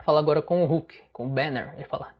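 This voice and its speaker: A woman's voice: deep voice, fast talker, lo-fi sound. A woman with a Brazilian Portuguese accent teaching an English lesson, patiently breaking phrases down word by word. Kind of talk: online language lesson.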